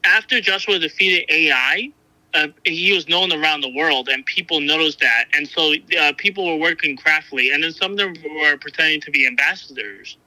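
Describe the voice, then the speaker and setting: A man's voice: a little high, sharp tone, dry recording, poor audio. A man reading a Bible passage aloud and then discussing it casually, often stumbling and restarting his sentences. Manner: halting, frequent restarts and fillers. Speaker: Bible reader and discussion partner.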